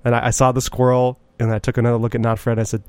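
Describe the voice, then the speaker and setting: Joking podcast man, halting delivery. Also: mid-range voice, clear, resonant tone, dry recording. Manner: relaxed, joking, hesitant with many uhs. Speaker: podcast co-host. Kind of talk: casual storytelling chat.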